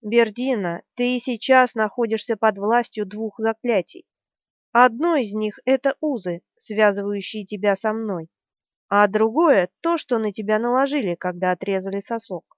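A woman reading the part of a stubborn, calm young male hero in an audiobook, steady and earnest. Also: mid-range voice, normal speed, no room sound, natural voice. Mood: earnest resolve. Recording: dry, slightly dull studio sound.

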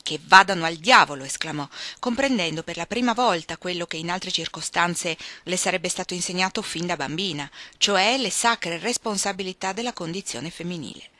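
Brief: a woman narrating a literary novel, measured and expressive, with a bright, clear voice. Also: fairly low pitch, dry recording. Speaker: reader. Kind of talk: audiobook reading of a novel.

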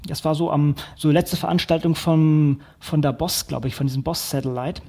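A man hosting a casual interview podcast, talking in a relaxed, rambling way with many restarts. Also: a little high, normal speed, creaky. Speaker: podcast host.

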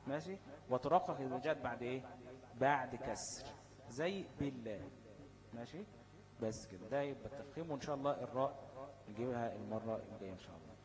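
A man's voice: mid-range voice, very fast, poor audio. A man with an Egyptian Arabic accent teaching a class on recitation rules. He poses questions to his students, answers them himself and keeps checking that they follow. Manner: checks in constantly with "okay?".

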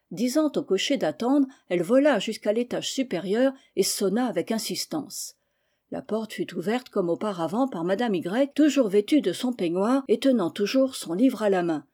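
A woman narrating a humorous novel aloud, with steady, even storytelling. Her voice is mellow and warm, at a middle pitch. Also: moderate pace, slightly rough. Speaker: audiobook reader.

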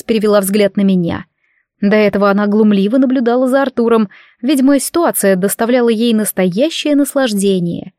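A woman's voice: mid-range voice, a little mellow, no echo, studio quality. A woman narrating a novel in the first person as an audiobook reader.

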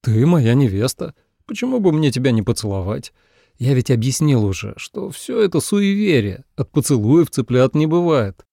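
A man's voice: medium pitch, big pitch swings, moderate pace, creaky, dark tone, no echo, studio quality. A man voicing a cocky, teasing young bridegroom in an audiobook, with a smug manner. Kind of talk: audiobook character voice.

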